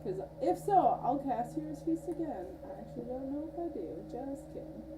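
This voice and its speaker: A woman's voice: sits high, lively intonation, fairly quick, background noise. A woman playing a tabletop game, bantering casually with the group. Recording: roomy, distant mic, music behind.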